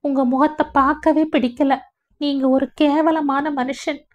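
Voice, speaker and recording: A young village woman in an audio story, bitter and defiant, hurling sharp accusations, voiced by a woman reader. The voice sits high for a woman. The sound is dull and lo-fi. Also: level tone, measured pace. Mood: bitter accusing. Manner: sharp, accusing, rising in anger.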